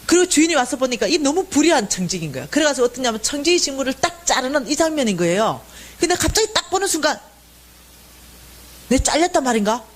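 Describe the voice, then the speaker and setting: A woman gives a testimony sermon as a church finance lecturer. She tells her story to the audience and acts out her prayers loudly. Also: high voice, very animated, fast talker. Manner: speaks to the audience directly.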